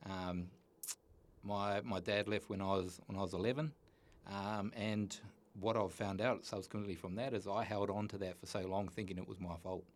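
A man in his thirties with a New Zealand accent, telling his personal story as a guest in an earnest, halting way with many restarts. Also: lowish voice, steady tone.

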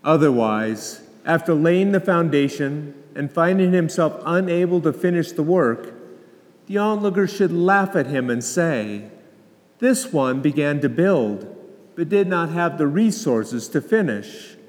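A man gives a formal, solemn Gospel reading as a clergyman, measured and deliberate, with a cathedral echo. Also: a little high, expressive. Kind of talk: formal liturgical scripture reading. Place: large reverberant church.

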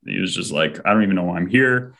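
Low-voiced man telling a heartfelt story. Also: fast, vocal fry, a bit bright. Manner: heartfelt, often acts out quoted speech. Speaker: guest sharing a faith story. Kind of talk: earnest personal storytelling.

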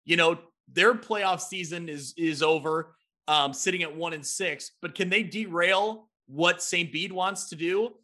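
A man's voice: a little high, measured pace, pushed and bright. A man hosting a casual sports talk show, recapping games and stats in an upbeat, self-deprecating way.

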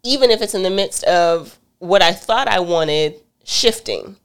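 A middle-aged woman with a fairly low, clean voice speaks a little slowly while co-hosting a relationship talk podcast. In this casual couple conversation she's direct and tells animated stories with laughter.

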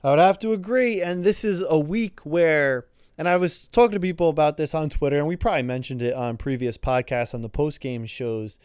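A man's voice: a little high, fairly quick, few pauses, a little mellow, clean tone, no room sound, studio quality. A man co-hosting a sports podcast, talking through an upcoming matchup in a conversational, step-by-step way. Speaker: podcast co-host. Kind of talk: casual sports podcast talk.

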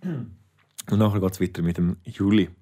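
Deep-voiced man teaching casually. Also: warm tone. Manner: patient, repeats words slowly. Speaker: Romansh teacher. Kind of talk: casual language lesson.

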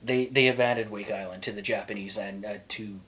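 A man's voice: lowish voice, fairly even intonation, a little fast, fairly bright tone. A man from Quebec chatting casually about history on a podcast, rambling along with plenty of fillers and restarts. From Quebec, Canada. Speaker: podcast guest.

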